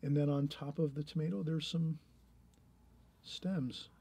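A man's voice: a little high, fairly even intonation, a little slow, creaky, mellow, slightly rough. A middle-aged man teaching a painting lesson, talking aloud as he draws, encouraging and rambling. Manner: encouraging, rambling, many restarts. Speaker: art teacher. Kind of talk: painting tutorial, thinking aloud while drawing.

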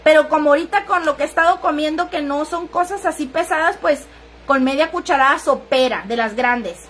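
A woman's voice: high-pitched, brisk, a bit bright, a little hiss or hum. A middle-aged woman, chatting crudely and casually while selling on a livestream and answering viewers' comments. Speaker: livestream seller.

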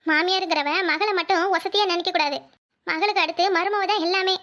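A woman voicing a calm, wise village woman in a Tamil cartoon, with a southern Tamil accent, lecturing earnestly. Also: very high-pitched, a little fast. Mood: earnest advice. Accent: southern Tamil Nadu. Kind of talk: cartoon voice acting.

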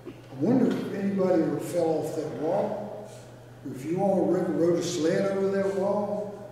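An older man gives a graveside eulogy as a pastor, speaking in a folksy, plain-spoken way with long pauses. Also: sits high, dark tone. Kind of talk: graveside funeral eulogy and sermon. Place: outdoor graveside service, recorded from a distance. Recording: echoey, noisy, captured from far off.

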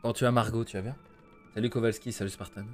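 A man's voice: lowish voice, fairly even intonation, quick pace, faint music behind. Chatty man streaming a horror game. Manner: chatty, swears, greets chat viewers by name. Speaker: gaming streamer. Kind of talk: live gameplay commentary.

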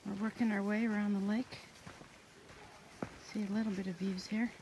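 Walking a forest trail in the rain, a woman vlogs her hike with casual, matter-of-fact commentary. She has a mid-range voice and keeps a moderate pace, while steady rainfall fills the outdoor audio.

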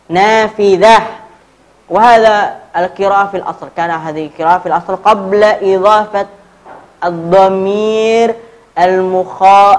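A young man with an Indonesian accent teaching an Arabic grammar lesson, explaining step by step and quizzing his students. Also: high voice.

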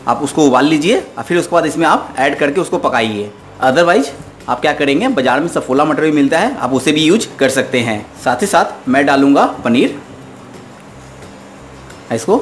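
A man's voice: on the high side, slight background noise. A man hosting a cooking show, patiently talking viewers through a recipe step by step as he cooks at home. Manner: patient, instructive, addresses viewers directly. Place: home kitchen at the stove.

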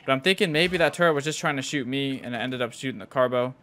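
A man's voice: mid-range voice, fast talker, fairly bright tone, a little hiss or hum. A young man giving casual gameplay commentary in slangy, sweary frat-bro talk. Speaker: gaming video host.

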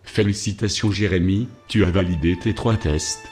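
A man voicing a wise old sage who calmly guides and tests a pupil in a short film. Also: low-pitched, normal speed, over music, voice pushed down, natural voice. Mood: calm, solemn. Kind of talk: scripted short-film voice-over.

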